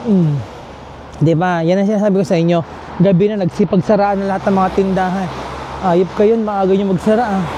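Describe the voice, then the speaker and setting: A man's voice: sits high, fairly even intonation, a little fast, noisy background. A man chatting casually to his camera as a travel vlogger while walking outdoor streets at night, exclamatory and joking. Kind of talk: casual walking vlog chat.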